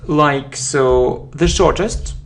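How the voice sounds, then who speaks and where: Woman teaching grammar, super slow, says every example twice, typing in the background. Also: sits low, slight background noise. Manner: slow and deliberate, repeats example words. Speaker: English teacher. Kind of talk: slow spoken grammar lesson.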